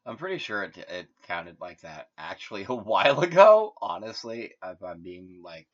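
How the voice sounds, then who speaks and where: A man's voice: deep voice, very animated, moderate pace, a bit bright. A man hosting his own channel, talking in a meandering, casual solo monologue full of fillers and self-corrections. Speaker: host. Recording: dull lo-fi recording.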